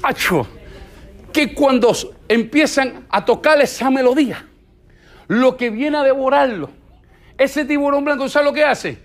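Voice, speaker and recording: A middle-aged man, preaching in a playful, animated and exhorting way at church. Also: extremely high pitch, measured pace. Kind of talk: church teaching talk.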